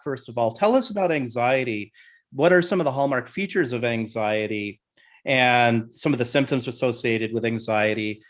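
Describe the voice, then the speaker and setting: A man hosting an interview podcast, upbeat and encouraging as he introduces and questions his guest. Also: mid-range voice. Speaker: podcast host and clinician.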